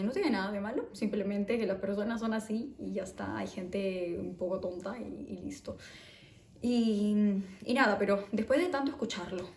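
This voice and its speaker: A woman's voice: mid-range voice, a little mellow. Peruvian woman vlogging in a roomy echo. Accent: Peruvian Spanish. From Peru. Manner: chatty, reflective, tags phrases with "¿no?". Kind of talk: casual personal vlog.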